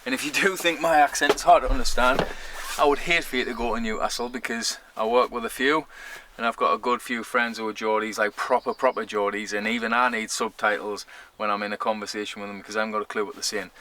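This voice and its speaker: A man's voice: lowish voice, level tone, fast talker, few pauses, bright, forceful tone. A man with a moderate Sunderland Mackem accent chatting casually as he vlogs DIY work, blunt, colloquial and sweary. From Sunderland, north-east England. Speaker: camper van vlogger. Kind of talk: casual vlog talk, DIY commentary.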